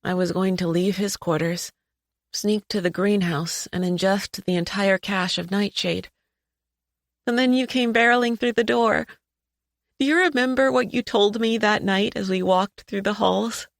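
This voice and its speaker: A woman reading a first-person story aloud in a soft, emotional way. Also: medium pitch, steady tone, measured pace, gravelly, dry recording, clean studio sound. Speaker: narrator. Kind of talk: first-person audiobook narration.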